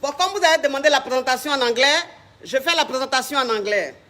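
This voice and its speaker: A man's voice: very high voice, fast talker, sharp tone. A man hosting a live call-in advice stream, flamboyant and theatrical, teasing his callers and drawling grandiose boasts. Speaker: live call-in coach host.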